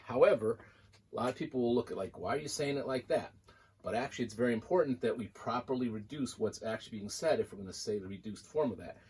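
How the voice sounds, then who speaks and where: A college math instructor giving a lecture, working through examples on a board in a conversational, explanatory way. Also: male voice, medium pitch, lively intonation, fast, a little mellow, husky, low-quality recording.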